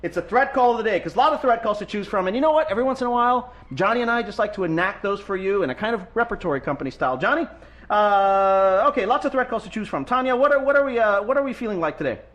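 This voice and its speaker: Brash, fast-talking high male podcast host. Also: lively intonation, fairly bright tone. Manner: brash, sarcastic, talks over callers. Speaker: radio show host. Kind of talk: live call-in podcast banter.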